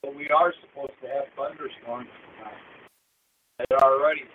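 A man's voice: mid-range voice, fairly even intonation, normal speed. A man talking casually on a phone propped in a window, in a rambling, folksy way, his audio glitching and breaking up. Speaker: caller. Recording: tinny phone line with hiss.

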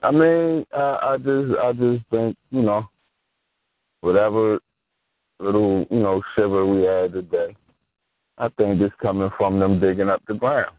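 Male co-speaker, low and easygoing, dry, tinny phone sound. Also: steady tone, unhurried, no room sound. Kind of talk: casual radio talk.

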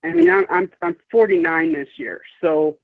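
A woman's voice: medium pitch, very animated, moderate pace, vocal fry, no room sound. A woman around fifty, calling in and talking in an emphatic, rambling, outspoken way with some swearing. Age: 50s. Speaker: caller. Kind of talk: casual chat. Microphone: phone. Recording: dry tinny phone line.

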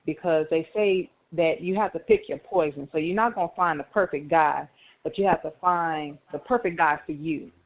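A woman's voice: low-pitched, moderate pace. A woman speaking earnestly and thoughtfully on a radio call-in show over a clipped phone line. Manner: reflective, earnest, with some restarts.

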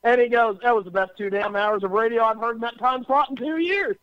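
A man's voice: very high voice, a little fast, smooth, dry recording. A man who hosts a radio show, telling a story in casual chat and acting out the people he quotes. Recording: dry, slightly dull radio audio.

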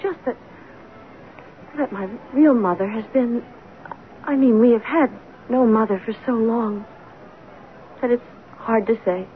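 An actress playing a frightened teenage girl in an old radio drama, hushed, hesitant and stammering. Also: fairly high pitch, unhurried, pauses often, close to an everyday voice. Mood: timid. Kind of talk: 1940s radio acting. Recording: tinny old radio broadcast with hiss.

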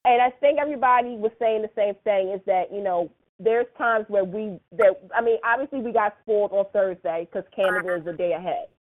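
A woman's voice: medium pitch, fairly quick, few pauses. A woman hosting a podcast, chatting casually through a soap opera recap, full of "like" and "you know". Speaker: podcast host. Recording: tinny phone-like sound.

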